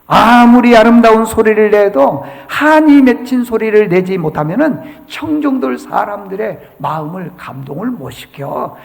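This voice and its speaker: A man's voice: high voice, animated, normal speed, creaky, hardly any pauses. A male pastor preaching a sermon, telling a story with dramatic flair and acting out the characters' lines, recorded in a church sanctuary. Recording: church hall reverb.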